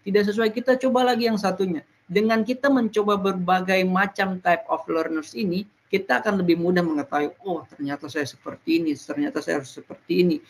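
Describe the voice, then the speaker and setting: Delivering an educational talk to fellow peers, this presenter goes step by step, frequently pausing on "nah", in a mid-range voice with fairly even intonation.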